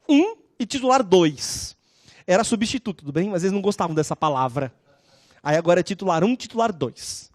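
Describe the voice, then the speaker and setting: A woman lecturing on law, telling lively stories and constantly checking in with her class. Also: mid-range voice, no room sound, clean studio sound. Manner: animated, acts out scenes.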